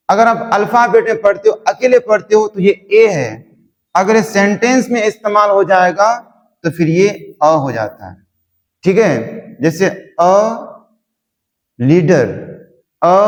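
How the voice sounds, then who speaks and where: Man, English teacher, slow deliberate drilling, echoing hall. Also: sits high. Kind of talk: spoken English lesson. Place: classroom. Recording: long hall reverb.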